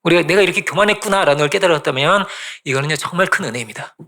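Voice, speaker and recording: A man's voice: on the high side, very fast, pushed and bright. A male pastor giving a conversational sermon, often asking the congregation "right?" and repeating phrases for emphasis.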